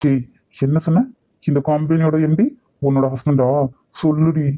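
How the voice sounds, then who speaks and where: A man with a Nagercoil Tamil accent voicing an arrogant, short-tempered young company boss in a cartoon, gruff and commanding. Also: on the high side, fairly even intonation, normal speed, dark tone, close to an everyday voice, rough recording. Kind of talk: cartoon voice acting.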